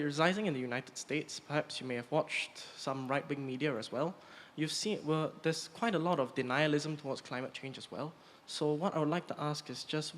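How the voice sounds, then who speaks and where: A man's voice: mid-range voice, a bit bright, slight background noise. A teenage male student asking a polite, articulate question at a stand mic in an auditorium. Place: large lecture auditorium.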